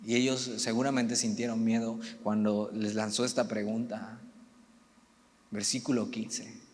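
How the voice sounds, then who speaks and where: A man's voice: fairly low pitch, flat delivery, measured pace, a little mellow. Man preaching in a reverberant hall. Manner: conversational preaching with humorous asides. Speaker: youth preacher. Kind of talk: sermon.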